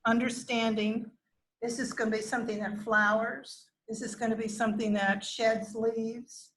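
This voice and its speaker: A woman's voice: fairly high pitch, level tone, moderate pace, a bit bright, rough recording. A middle-aged woman teaching a gardening class to a room of learners, chatting freely with asides and restarts. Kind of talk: informal classroom lecture. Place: classroom with a live audience.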